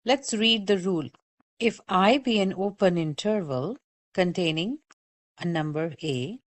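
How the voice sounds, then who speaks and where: Patient woman teaching a calculus lecture. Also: lowish voice. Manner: patient, repeats warnings, checks in with "okay?". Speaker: math teacher.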